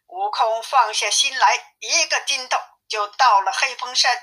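A woman reading a classic tale aloud as a storyteller, in a lively, clear way. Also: a little high, measured pace. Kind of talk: children's story narration. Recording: tinny phone-like sound.

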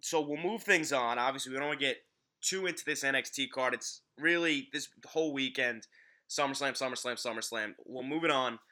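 A man's voice: medium pitch, a little fast, bright, forceful tone. A man hosting a casual sports podcast, recorded in a home basement. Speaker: podcast host. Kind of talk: casual sports podcast chat about wrestling.

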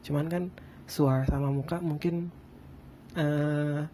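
Mellow man who can't roll his r. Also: fairly high pitch, steady tone, takes it slowly, slight background noise. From Bandung, Indonesia. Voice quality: lisped, non-rolled r. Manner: rambling, self-deprecating, slangy. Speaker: podcast host. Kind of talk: casual solo podcast chat.

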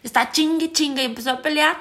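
A woman's voice: sits high, quick pace. A woman with a Mexican accent, co-hosting a podcast and telling a story in slangy casual chat, laughing as she goes. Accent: Mexican Spanish. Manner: slangy, animated, laughs while telling stories. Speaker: podcast co-host.

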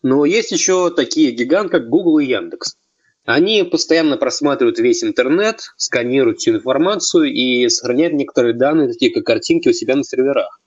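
A twenty-year-old podcast co-host explains things step by step on a casual show, laying out his points in order. His medium-pitched voice is animated and brisk. The audio has no echo, but the highs are cut off.

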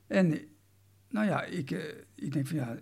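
A man's voice: a little high, a little slow, creaky, a little mellow, husky. A man, recounting a personal story in an interview, hesitant with many restarts.

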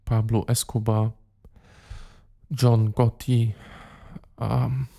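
A man's voice: mid-range voice, level tone, extremely slow, gravelly, dark tone. A young man hosting a casual solo podcast, rambling with lots of fillers and street slang, talking straight to his listeners. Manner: chatty, rambling, many fillers and restarts. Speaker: podcast host.

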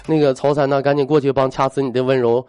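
A male radio host on a live call-in show, reading listener messages and telling jokes with quick, wry asides. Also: medium pitch, flat delivery, darkish tone. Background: faint electronic music.

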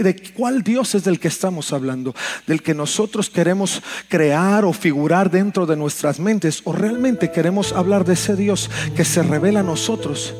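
A man's voice: sits high, darkish tone, slightly rough. A man preaching a sermon as pastor, earnest and repeating phrases for emphasis. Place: church.

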